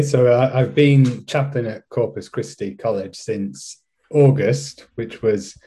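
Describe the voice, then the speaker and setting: A man with a Yorkshire accent and a lowish voice, talking over a video call. He answers questions as a chaplain in a relaxed, self-deprecating way and often restarts his sentences. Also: husky. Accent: Yorkshire English. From West Yorkshire, England. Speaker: college chaplain. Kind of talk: casual interview answers.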